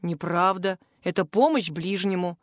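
Woman voicing a booming troll cook. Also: unhurried, no echo, studio quality, close to an everyday voice. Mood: gruff teasing. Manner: rumbling, teasing. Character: huge male troll ship's cook, booming bass, gruff but caring.

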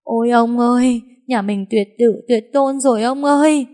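A woman's voice: lowish voice, normal speed, mellow, natural voice. A woman voicing a grief-stricken older mother-in-law who wails and laments in an audiobook story. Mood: wailing despair. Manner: wailing, lamenting.

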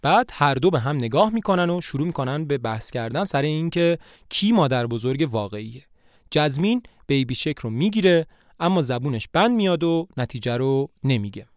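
A male podcast narrator retelling a play as a story, with a somewhat high voice. His pitch swings in a lively, animated way. The sound is close and dry, with no room around it. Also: no room sound.

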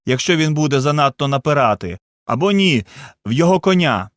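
A man's voice: mid-range voice, expressive, normal speed, warm tone, dry recording, studio quality, close to an everyday voice. A man voicing a brave young man caught in a fleeing crowd, speaking urgently. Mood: urgent command.

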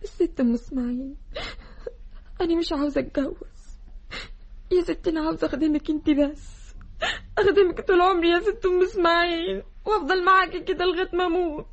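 A woman's voice: very high voice, fast talker. An actress playing a young village girl who refuses to marry, crying, in an Egyptian radio drama with an Egyptian accent. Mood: tearful pleading. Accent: Egyptian Arabic. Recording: dull lo-fi radio recording.

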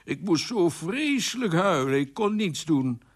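A man voicing a tearful, soft-hearted young king who talks slowly and mournfully. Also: medium pitch, expressive.

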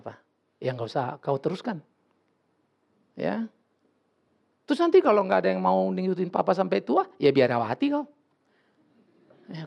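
Gravelly-voiced male pastor preaching bluntly. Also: sits high, lo-fi sound. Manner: blunt, joking, colloquial preaching. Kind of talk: sermon.

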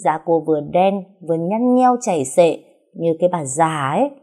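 A woman voicing a jealous, scheming second wife of the household, catty and shrill when she wails. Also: lively intonation, normal speed, dark tone. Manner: catty, then wailing shrilly.

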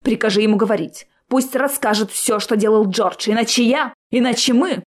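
A woman voicing a young male ghost-hunter leader in brisk audiobook dialogue, close to her own voice. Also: fairly high pitch, close to an everyday voice. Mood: urgent.

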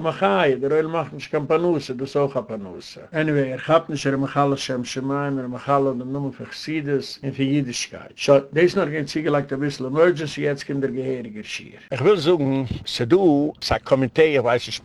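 Gravelly, scolding rabbi, a man. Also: a little high. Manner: scolding, rambling, emphatic. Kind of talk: impassioned community lecture.

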